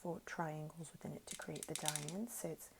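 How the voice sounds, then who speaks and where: A woman speaking softly in a casual ASMR style, describing objects in a hushed voice that often slips toward a whisper. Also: sits low, fairly even intonation, a little fast, vocal fry. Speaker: ASMR video creator. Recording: very noisy close recording with crinkling and clicks. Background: tapping, clicking, crinkling and rattling of handled objects.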